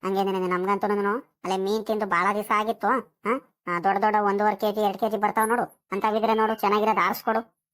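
A woman voicing a fussy, scolding old village grandmother in an animated comedy. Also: medium pitch, quick pace, lightly acted. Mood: coaxing. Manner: scolding, fussy, calls others "kalla paapa".

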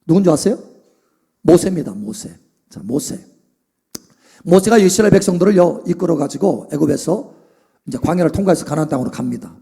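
Gravelly high-voiced male pastor preaching. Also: expressive, a little fast, long pauses, dark tone. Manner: emphatic preaching with frequent checking "음?" and "응?" asides to the congregation; acts out quoted voices of Moses and the people within the sermon. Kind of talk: sermon.

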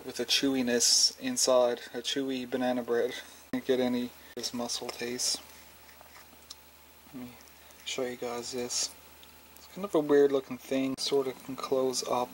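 Male food reviewer, mid-pitched, monotone, hesitant and unhurried, casual narration over faint noise. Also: rough recording. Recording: clear steady background noise.

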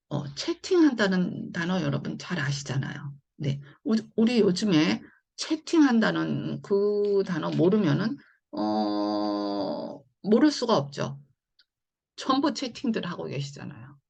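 A woman's voice: fairly low pitch, vocal fry, darkish tone, slightly rough. A woman teaching English phonics in an online lesson, explaining patiently and going over each point more than once. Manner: patient, repetitive explaining with frequent "자" and "네".

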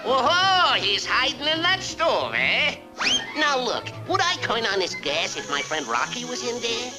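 A man's voice: very high voice, wildly swooping pitch, a little slow, heavily acted, low-quality recording. A cocky cartoon rabbit with a breezy, wisecracking delivery. His voice rises and dips playfully, and music plays underneath. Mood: sly. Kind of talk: classic cartoon voice acting.

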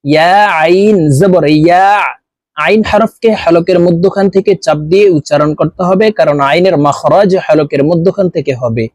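A man teaching Quran reading, spelling out syllables slowly and repeating each one so viewers can copy. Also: fairly high pitch, a little mellow, no room sound. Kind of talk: spelling out syllables in a recitation lesson.

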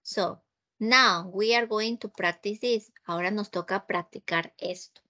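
A woman's voice: mid-range voice, a little slow, sharp tone, lo-fi sound. A woman with a Peruvian Spanish accent teaching English over a video call, patiently repeating herself and checking that students understand. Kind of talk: online class, mixing Spanish and English.

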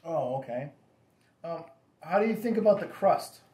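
A man's voice: a little high, animated, normal speed, a little mellow. An easygoing man in his forties reviews a frozen pizza at his dining table, chatting to his son. He slips in plenty of ums and likes. The sound comes from a camera across the table in a roomy home with a noticeable echo. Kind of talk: casual food review chat.

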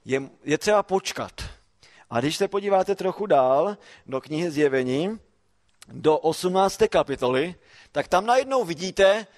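Emphatic preacher, fairly high voice. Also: male voice, expressive. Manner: rhetorical questions, swings from quiet to emphatic. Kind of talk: sermon.

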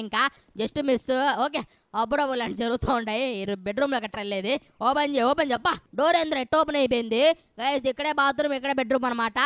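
A woman giving excitable, playful gameplay commentary straight to her viewers. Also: high voice, smooth, no echo. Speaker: gameplay streamer.

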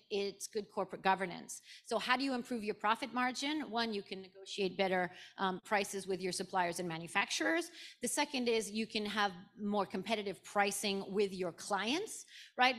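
A middle-aged woman from Canada talks on stage at a business conference, holding a microphone in front of a seated audience. She lays out her reasoning point by point and often pauses to ask "right?". Her voice sits at an ordinary middle pitch. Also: fairly bright tone. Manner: explains in numbered points, often adds "right?". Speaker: guest speaker. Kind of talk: conference panel conversation. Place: large conference room with an audience.

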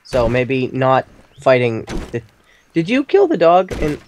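A man co-hosting a game stream as commentator, goofy and jokey with deadpan asides. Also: medium pitch, measured pace, a little hiss or hum. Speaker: co-host commentator. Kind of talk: casual let's-play chat.

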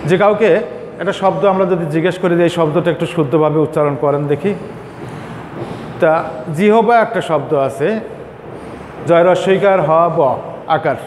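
A man giving a classroom lecture, explaining slowly and repeating example words. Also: a little high, a little mellow, a little hiss or hum. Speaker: teacher. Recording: echoey room with faint ambience.

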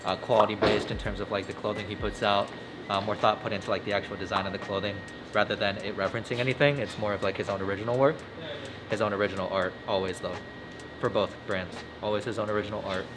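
A man's voice: fairly low pitch, little pitch movement, fast talker, background noise. Young man hosting with lots of uhs. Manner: hesitant, many fillers. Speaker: vlog host. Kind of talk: casual vlog chat. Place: indoor warehouse.

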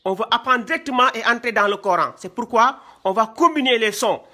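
A man from Senegal, teaching a classroom lesson, talking slowly and repeating himself, often checking with "hein?". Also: very high voice, sharp tone. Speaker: Quran teacher.

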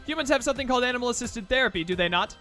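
Man voicing a kindly, formal lion warrior, bright-voiced. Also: extremely high pitch, lively intonation, racing, soft background music, pitched above the performer's own voice, heavily acted. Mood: gentle. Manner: formal, solicitous.

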